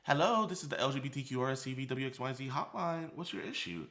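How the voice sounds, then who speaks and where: A man voicing a mock male hotline operator in a flat, bored way. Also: medium pitch, quick pace, reverberant, pitched below the performer's own voice. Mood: mock-official.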